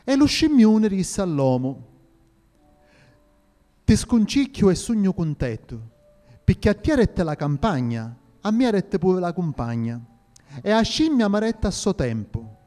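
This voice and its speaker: A jolly old Sicilian storyteller, as a man puts him on, spinning a sing-song folk tale with a lilting, playful lift and a lively rise and fall. His voice sits warm and mellow, carried in a reverberant hall with faint music underneath. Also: high-pitched, unhurried.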